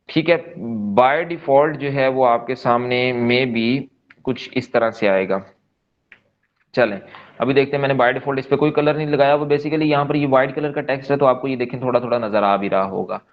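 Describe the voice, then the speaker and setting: In a screen-share coding lesson, a programming instructor explains each step and regularly checks in with "theek hai?". His voice is medium-pitched, and the high frequencies are cut off.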